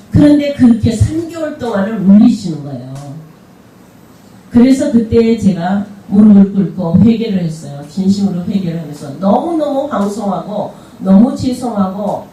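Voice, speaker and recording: A woman's voice: mid-range voice, dark tone, slight background noise. Older woman preaching in an echoey hall. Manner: emphatic, repetitive storytelling testimony. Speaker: pastor. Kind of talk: sermon. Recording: very echoey hall, mic far off.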